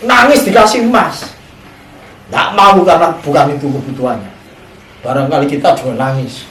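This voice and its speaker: A male preacher tells a story in a sermon and keeps asking his listeners questions. His voice sits a little high for a man. He sounds far from the mic in an echoey room. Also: normal speed, fairly bright tone, slight background noise. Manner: storytelling, often questioning the audience. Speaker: Islamic preacher.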